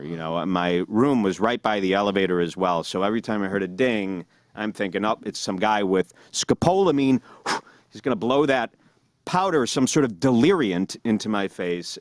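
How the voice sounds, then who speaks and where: A man hosting a podcast, telling stories in casual chat and jumping high in pitch when he mimics other people. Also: no echo. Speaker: podcast host.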